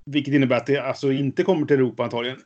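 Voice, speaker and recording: A man co-hosting a casual board game news chat. He speaks in a measured, hesitant way, with a mildly cynical edge. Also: medium pitch, fairly even intonation, a little mellow, lo-fi sound. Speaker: podcast co-host.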